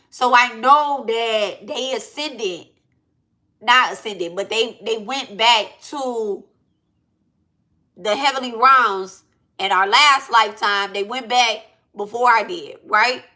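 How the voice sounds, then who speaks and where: This spiritual reader and channel host, in her thirties, has a bright voice on the high side and speaks slowly. Talking off the cuff to a live audience about spiritual topics, she's blunt and animated, tossing in slangy asides and repeatedly asking "right?" and "okay?".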